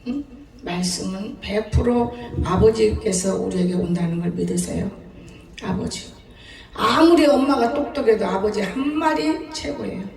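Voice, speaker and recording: A woman's voice: mid-range voice, moderate pace, vocal fry, a little mellow. A woman in her seventies, a pastor preaching a sermon in a folksy storytelling way, often laughing as she talks. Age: 70s. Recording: echoey church hall, distant mic.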